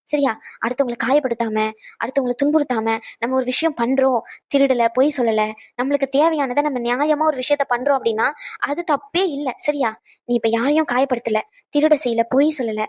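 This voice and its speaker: A woman's voice: high-pitched, no echo, clean studio sound. A woman voicing a caring but outspoken old grandmother in a cartoon, scolding and lecturing protectively. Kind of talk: cartoon voice acting.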